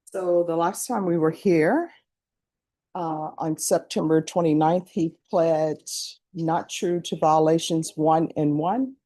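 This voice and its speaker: Woman, American accent, judge, lower-pitched, formal procedure, in a courtroom. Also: steady tone, slow, dark tone.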